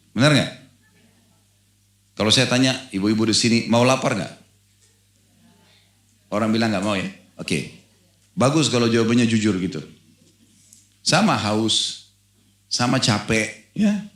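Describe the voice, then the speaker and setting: Middle-aged male preacher, low voice, lively storytelling sermon, roomy echo. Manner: animated storytelling, acts out a dialogue in the anecdote; asks the audience questions. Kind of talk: Islamic sermon. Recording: echoey room.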